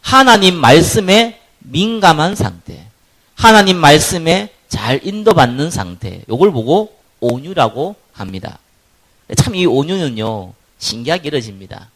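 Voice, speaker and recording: A male pastor with a Gyeongsang accent, preaching a sermon and acting out the people in his stories, his voice rising loud for stress and dropping to quiet asides. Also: on the high side, sing-song, unhurried. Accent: Gyeongsang Korean.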